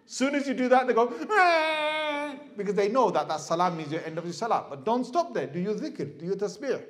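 A middle-aged man giving a lively sermon as an Islamic preacher, asking the audience questions and acting out crying babies. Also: high voice, fast. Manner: animated, asks the crowd questions, mimics crying babies.

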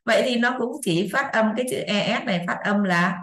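A woman explains an English lesson in a casual, talkative way. She repeats examples and keeps checking that her students are following. Her middle-pitched voice carries a noticeable room echo. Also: a little fast, a bit bright. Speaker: English teacher. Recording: roomy echo.

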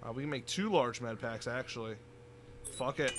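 A man hosting a let's play, commentating with excitable, joking, swear-filled chatter. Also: mid-range voice, moderate pace. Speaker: gaming channel host. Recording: loud game noise behind. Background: game sounds.

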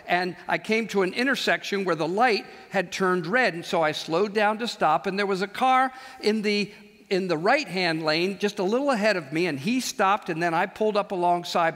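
An older man preaching a chapel sermon on a large auditorium stage, animated and gesturing, slowing into emphatic pauses. He speaks into a headset mic. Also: high-pitched, long reverb tail.

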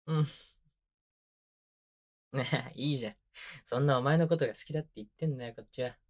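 A male voice actor plays a young boyfriend in intimate binaural roleplay made for headphones, speaking up close through a binaural mic in a mid-pitched, medium-low voice. Tender and doting yet teasing with a mock-scolding edge, he uses casual, rough-edged masculine phrasing, soft laughs, and a brisk, lightly acted delivery in an affectionate, teasing mood.

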